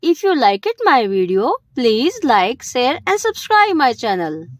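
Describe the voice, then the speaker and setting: This is the host of a kids' alphabet video: a woman with a high, sing-song voice and a measured pace. She keeps her phrasing simple and brief, stressing key words, and the studio-quality audio has no echo.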